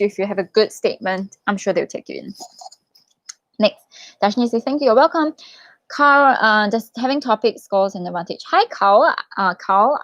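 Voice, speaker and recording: A young woman, an international student in Korea, hosts a casual livestream where she reads out questions and answers them in a chatty, expressive way. Her mid-pitched female voice sounds dry and close, with little room echo. Her advice comes across as reassuring and informal.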